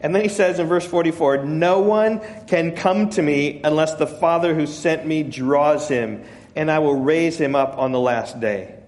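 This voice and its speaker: A male pastor giving a sermon, conversational, often restarting words and rising in pitch when he quotes. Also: normal speed, darkish tone, long reverb tail. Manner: conversational preaching with frequent restarts, rising emphasis when quoting.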